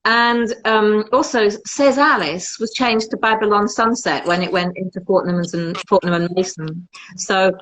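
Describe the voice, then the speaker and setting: A woman's voice: medium pitch, steady tone, unhurried, a bit bright, low-quality recording. A woman, a perfumer chatting as an interview guest in a self-mocking, jokey way. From Britain. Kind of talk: casual interview chat.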